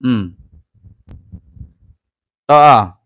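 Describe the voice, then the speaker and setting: A man's voice: medium pitch, animated, drawn-out words, a bit bright. A man hosting casual political commentary, rambling and mocking, and mixing English phrases into his talk.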